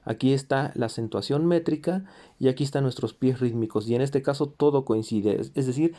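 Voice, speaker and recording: Mellow-voiced man teaching music theory. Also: medium pitch, fairly quick. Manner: explanatory, with fillers and self-corrections; sings rhythms in syllables. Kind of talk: recorded music theory lesson.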